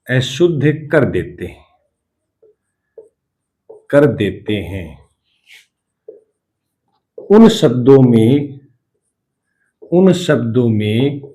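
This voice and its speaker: A man's voice: mid-range voice, dark tone. A man with a Rajasthani Hindi accent, teaching a Hindi spelling lesson at a board, repeating each word and asking and answering his own questions.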